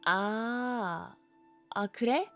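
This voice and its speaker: A woman live streamer chatting casually before a game, with a cutesy, playful, expressive anime-streamer manner. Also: a little high, extremely slow, soft background music. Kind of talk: casual livestream chat before playing a game.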